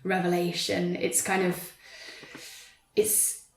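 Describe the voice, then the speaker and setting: A theatre practitioner on a panel talks slowly in a fairly low, completely flat voice. Her thoughts come out tentative and reflective, full of hedges, in an unscripted discussion recorded with an echoey, roomy quality.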